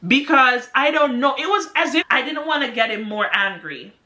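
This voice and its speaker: Bright-voiced woman telling a story. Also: sits high, moderate pace. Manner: animated, exclamatory storytelling with many "like"s. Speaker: vlogger. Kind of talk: casual storytime vlog. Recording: echoey room.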